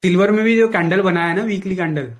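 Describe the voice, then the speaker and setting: A man's voice: high-pitched, fast talker. A man talking as a trading mentor with a caller, casual and blunt, dropping in phrases. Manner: blunt, advising, mixes in English phrases. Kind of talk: casual live chat with a caller.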